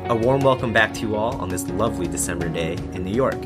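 A man's voice: fairly low pitch, lively intonation, quick pace, loud music behind the voice. A man hosting a podcast, reading scripted lines and interviewing people with some hesitant fillers. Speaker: podcast host.

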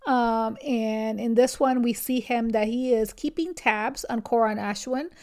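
A woman with a somewhat high voice co-hosts a book podcast. She talks casually and conversationally, gushing a little as she explains what she thinks. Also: fairly even intonation, a little slow, a little mellow. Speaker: podcast co-host.

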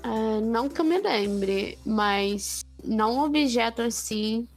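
High-voiced expressive woman co-host. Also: faint music behind. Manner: expressive, quick reactions. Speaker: podcast co-host. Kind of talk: casual chat.

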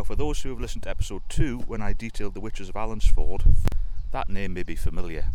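A man hosting a podcast, telling local ghost history in a steady, informative way, recorded on a dictaphone out in an open field. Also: low-pitched, noisy background. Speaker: podcast host. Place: outdoors in a sunny field. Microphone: handheld dictaphone.

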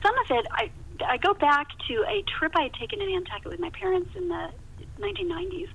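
The speaker is a woman novelist being interviewed on a podcast, sharing stories in a chatty, emphatic style and doubling up words for effect. She talks fast in a very high-pitched, slightly bright voice, and the phone line is muffled and hissy.

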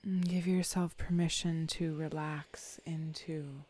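A meditation guide leading a guided meditation, often whispering soft, calm instructions. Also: mid-range voice, slow.

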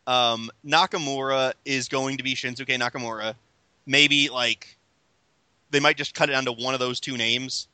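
Casual bright man hosting a pod, lots of ums and restarts, dry mic. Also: medium pitch, steady tone, normal speed, clear, resonant tone, dry recording. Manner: chatty, hesitant, many fillers and restarts. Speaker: podcast host. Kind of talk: casual chat.

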